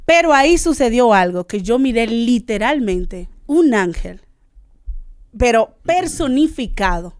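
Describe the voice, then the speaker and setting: A woman giving an emotional personal testimony as a radio guest, telling her story in an animated way and acting out the dialogue. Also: on the high side, measured pace, no echo, studio quality.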